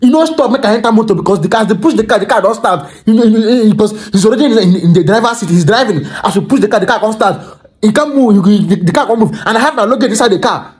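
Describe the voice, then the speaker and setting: A young Nigerian man telling a comic story to his phone camera indoors, excitable and stumbling over repeated words. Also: high-pitched, fast. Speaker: comedic storyteller. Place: small indoor room by a curtain. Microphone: phone camera held at arm's length.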